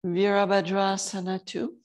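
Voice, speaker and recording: Female yoga instructor, soft counted cues, dark mellow tone, slow delivery. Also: mid-range voice. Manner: slow, calm cueing with soft counted breaths. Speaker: yoga teacher. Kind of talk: guided yoga class instruction.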